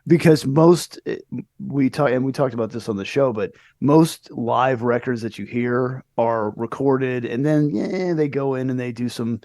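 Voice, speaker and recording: American man, middle-aged, relaxed podcast chat, mid voice, dry sound. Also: medium pitch, a little slow, dry recording. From United States. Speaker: podcast co-host. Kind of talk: casual chat.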